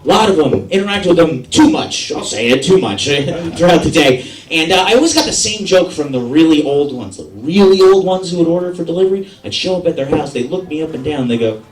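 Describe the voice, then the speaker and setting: Brief: male stand-up comic, animated and profane, slightly high voice, distant roomy recording of a live show. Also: a little fast. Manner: swearing, animated storytelling with acted-out voices. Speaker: stand-up comedian. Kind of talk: stand-up comedy set. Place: veterans hall comedy show with live audience. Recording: echoey hall recorded from a distance. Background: audience laughing.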